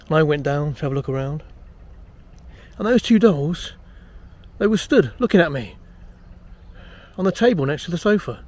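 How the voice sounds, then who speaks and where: A man's voice: on the high side, lively intonation, moderate pace, long pauses, a little mellow. A British man acting as a boastful, uneasy amateur ghost hunter, rambling self-importantly to camera in a found-footage horror film. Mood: reminiscing, aggrieved. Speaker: paranormal investigator presenting a documentary.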